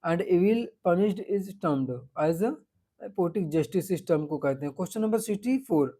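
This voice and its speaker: Guy going through quiz answers real slow, mellow kinda flat tone. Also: high voice. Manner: switches between Hindi and English, reads passages slowly with many fillers. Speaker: exam prep teacher.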